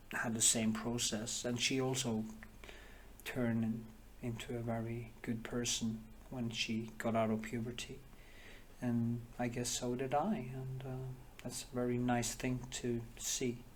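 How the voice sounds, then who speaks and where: A man's voice: mid-range voice, flat delivery, takes it slowly, a little mellow, slight background noise. Middle-aged male painter, Norwegian accent, casual rambling teaching chat with frequent restarts. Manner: rambling, candid, many restarts and trailing phrases. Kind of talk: casual reflective talk while painting.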